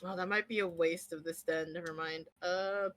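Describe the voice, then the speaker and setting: A woman's voice: fairly low pitch, fairly even intonation, normal speed, fairly bright tone, no echo, low-quality recording. A woman playing a tabletop game, hesitant and full of fillers, with casual swearing. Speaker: player.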